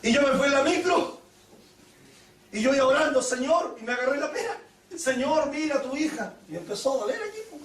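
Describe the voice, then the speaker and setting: A Chilean man preaching a Pentecostal sermon, telling stories with laughter and sudden shouted praises. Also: very high voice, lively intonation, a little fast, recorded from a distance. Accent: Chilean Spanish. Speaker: pastor. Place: church hall. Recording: echoey church hall, mic from afar.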